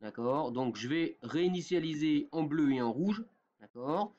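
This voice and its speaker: Man walking through a software tutorial. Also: fairly high pitch, expressive, a little slow, lo-fi sound. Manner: talks step by step with many fillers and a repeated "d'accord?". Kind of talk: screen-recorded software tutorial.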